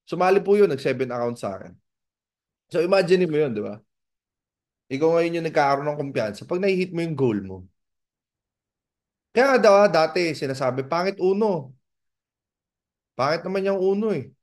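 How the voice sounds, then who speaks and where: Animated Filipino mentor, fairly high voice. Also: male voice, fairly quick, long pauses. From Philippines. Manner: animated, acts out dialogues in raised voices; addresses the audience directly with rhetorical questions. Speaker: business mentor. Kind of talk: motivational seminar talk.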